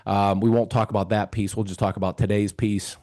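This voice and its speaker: A man's voice: on the low side, flat delivery, fairly quick, darkish tone. Earnest man in his fifties telling a story. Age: 50s. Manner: earnest, retelling dialogue with lots of "he goes". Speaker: host. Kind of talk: casual storytelling.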